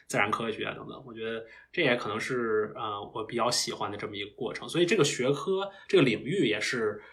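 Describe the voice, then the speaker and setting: A man's voice: lowish voice, quick pace, fairly bright tone. A young man, a recent PhD graduate, talking as a guest in a casual podcast interview, thinking aloud in a reflective, meandering way with frequent restarts. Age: young adult.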